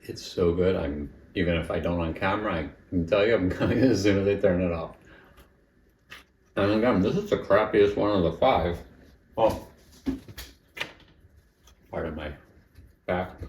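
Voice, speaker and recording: Deep-voiced man chatting while cooking. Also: normal speed, pauses often, darkish tone, roomy sound, recorded from a distance, a little hiss or hum, rough recording. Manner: chatty, self-critical, talks while eating. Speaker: home cooking channel host. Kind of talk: casual cooking vlog with tasting.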